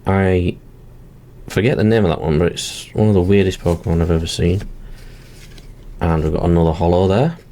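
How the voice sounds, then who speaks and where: Low-voiced man chatting through a pack opening. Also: fairly even intonation, moderate pace, pauses often, warm tone. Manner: chatty, talks himself through each step. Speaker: channel host. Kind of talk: casual commentary while opening card packs.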